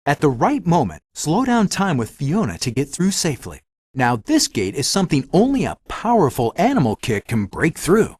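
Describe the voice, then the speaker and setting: A man's voice: a little high, wildly swooping pitch, normal speed, darkish tone, slightly rough, dry recording, clean studio sound, full character voice. A man voicing a helpful magic mirror, a theatrical fairy-tale guide giving scripted, instructive video game hints.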